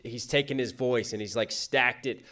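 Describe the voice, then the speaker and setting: A man's voice: mid-range voice, normal speed, pushed and bright. A man reacting to a music video, enthusiastically breaking down rhyme schemes and production.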